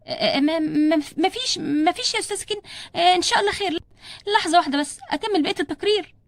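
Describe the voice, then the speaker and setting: A woman voicing a hesitant female doctor with an Egyptian accent, halting and soothing as she breaks bad news. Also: extremely high pitch, no room sound. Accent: Egyptian Arabic. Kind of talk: doll play storytelling.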